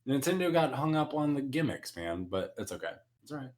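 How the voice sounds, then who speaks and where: A man's voice: medium pitch, sing-song, brisk, darkish tone. A young man co-hosting a podcast in casual chat, laid-back and agreeable, often hesitating with "um"s. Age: young adult. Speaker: podcast co-host.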